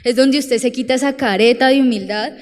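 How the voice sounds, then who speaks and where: Young Colombian woman preacher, fairly high voice, long church reverb, animated and direct. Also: brisk. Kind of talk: sermon.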